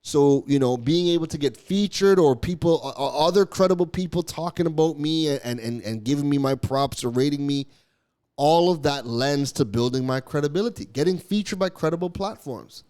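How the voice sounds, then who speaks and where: On the high side and a little mellow, the voice of this Canada-raised business podcast host moves at normal speed. Alone at the mic, he speaks emphatically, repeats key phrases and stumbles over words now and then.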